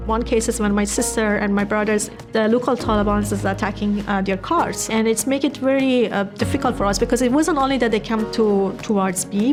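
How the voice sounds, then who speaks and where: A middle-aged woman with an Afghan accent, speaking non-native English in a documentary interview, pausing often with fillers. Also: a little high. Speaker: tech entrepreneur interviewee.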